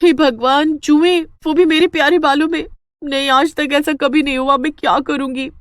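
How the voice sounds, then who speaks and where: A woman's voice: sits high, expressive, fairly quick, no room sound, studio quality, voice pushed up. A woman voicing a vain, touchy young daughter-in-law in a cartoon story, whiny and protesting. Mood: shrill, panicked.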